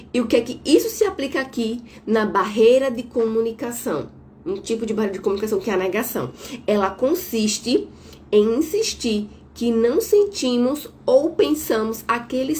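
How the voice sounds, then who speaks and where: A woman therapist from Brazil giving a live talk from home, speaking a bit louder on purpose and checking in with listeners. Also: a little high, slight background noise. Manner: speaking a little louder on purpose, didactic, tag questions. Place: at home, window shut, air conditioning on.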